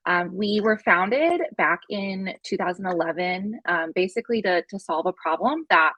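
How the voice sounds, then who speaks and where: A woman's voice: lowish voice, a bit bright, no echo, rough recording. A woman giving an upbeat, salesy recruiting presentation to students as a campus recruiter.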